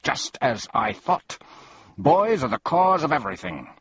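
A man doing a tiny, fierce storybook policeman, barking pompous accusations in a raised, husky voice. He sounds loud and self-important, with a swinging, lively delivery. The recording is slightly dull and lo-fi. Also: mid-range voice, unhurried, dry recording, voice pushed up, full character voice. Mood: officious.

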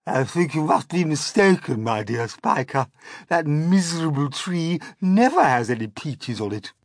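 A man's voice: fairly high pitch, sing-song, a little slow, no echo, clean studio sound, pitched above the performer's own voice, exaggerated voice. A man voicing a greedy, scoffing, bossy middle-aged aunt who blusters and exclaims in a children's storybook. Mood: scornful disbelief. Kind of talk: dramatic children's storybook character reading.

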